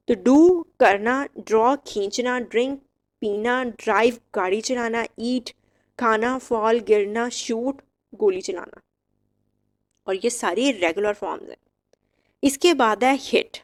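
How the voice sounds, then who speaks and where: A woman teaching English verb forms, reciting each word slowly and clearly with short explanations. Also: on the high side. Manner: slow, drilled word-by-word recitation. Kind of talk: vocabulary lesson.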